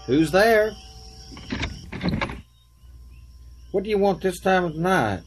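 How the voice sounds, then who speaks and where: A man playing a gruff small-town parson in a radio drama. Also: high voice, big pitch swings, brisk, background noise. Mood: grumpy. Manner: gruff, grumbling. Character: grumpy male small-town parson, woken at night.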